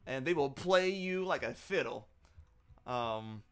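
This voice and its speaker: A man's voice: medium pitch, lively intonation, slow pace, fairly bright tone, clean tone. Rambling, chuckling man. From Kentucky, USA. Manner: rambling, chuckling, many ums and asides. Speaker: live streamer. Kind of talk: casual live-stream commentary while playing.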